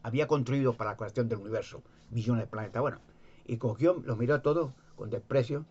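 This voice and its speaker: A man's voice: mid-range voice, quick pace, a little mellow, breathy edge, muffled recording. A man with a Spain Spanish accent retelling a gospel story in a rambling, repetitive, folksy way. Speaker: religious storyteller. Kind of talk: casual retelling of a Bible story.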